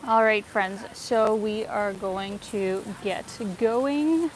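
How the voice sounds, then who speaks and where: A North American woman runs a casual travel livestream, chatting with viewers through fillers and soft laughs as she walks a city square and park with her phone in hand. Her pitch is medium and her pace slow. The low-quality recording carries a little hiss or hum.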